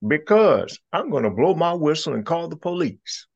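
A man voicing a cheerful, clever old rabbit gentleman in a storybook, high and excited. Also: moderate pace, vocal fry, slightly rough, heavily acted. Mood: cheeky. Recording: dull lo-fi recording.

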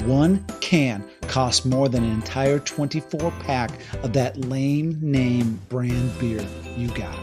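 A man's voice: mid-range voice, close to an everyday voice. A man playing a smug announcer in a parody beer commercial, with a punchy, sarcastic hard-sell delivery.

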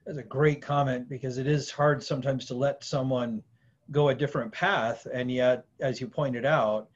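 A man's voice: mid-range voice, steady tone, normal speed, lo-fi sound. A man hosting a podcast, reading set questions and giving short, affirming replies. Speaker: podcast host. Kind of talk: scripted interview questions.

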